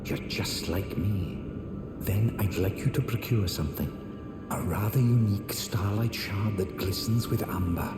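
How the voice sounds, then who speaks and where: A male actor voices a haughty, condescending sorcerer and puppeteer in a fantasy video game, scheming and sly, with pompous, sneering, theatrical delivery. His lowish voice is unhurried, and echoey hall reverb sits under loud music.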